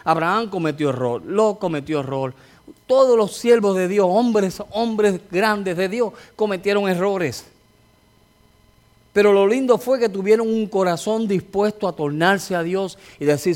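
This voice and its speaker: A man's voice: sits high, darkish tone. A man preaching a sermon as a pastor, telling a testimony with rising fervor.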